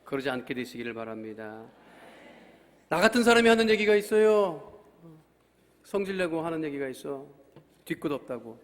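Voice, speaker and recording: A middle-aged male pastor preaching a revival sermon, telling a story and leading prayer, impassioned and bursting into shouts. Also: a little high, sing-song, normal speed, long pauses, slight background noise. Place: large church hall. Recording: long reverb in a big hall.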